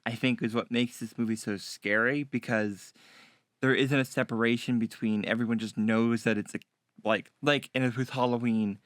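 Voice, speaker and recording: A man's voice: medium pitch, fairly bright tone, dry recording, clean studio sound. Young man giving his take on horror films. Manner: earnest opinions with restarts and hesitant "um"s. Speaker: co-host. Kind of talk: casual film podcast chat.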